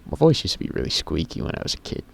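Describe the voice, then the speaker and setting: Talking rapid-fire, a very deep-voiced teenage boy vlogs casually for his YouTube channel. He frequently breaks off mid-sentence, and the swearing comes out offhand.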